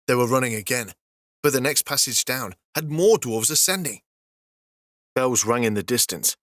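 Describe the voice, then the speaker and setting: A man narrating a fantasy audiobook in a steady, even storytelling delivery. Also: medium pitch, no room sound, studio quality.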